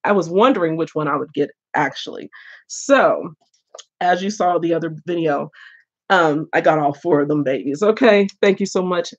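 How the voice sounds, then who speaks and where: A woman's voice: low-pitched, moderate pace, muffled recording. An older woman hosting a casual book live stream with a head cold, chatty and laughing often as she greets viewers. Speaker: booktube host.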